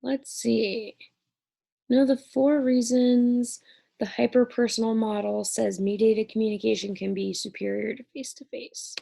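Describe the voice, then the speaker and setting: A woman's voice: on the high side, level tone, measured pace, vocal fry, mellow. A woman instructor talking through an exam review lecture in a conversational way, checking in often with "right?".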